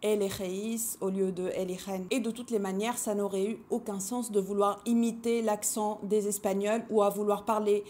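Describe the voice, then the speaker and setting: A woman hosting a language-learning video, talking to the camera in a measured, reflective way and posing rhetorical questions to her viewers. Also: mid-range voice, flat delivery, warm tone. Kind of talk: reflective scripted talk to camera.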